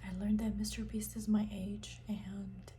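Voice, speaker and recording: A young woman whispers right up against the ear in a soft, dark-toned ASMR style. Her chat is informal and rambling, breathy and intimate. A light ambient noise sits behind the voice. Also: medium pitch, level tone, a little slow. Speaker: ASMR content creator.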